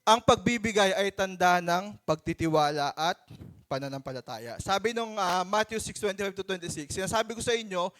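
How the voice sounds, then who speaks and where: A Filipino man preaching a sermon to his church in a conversational, animated way, acting out stories. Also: high-pitched, normal speed.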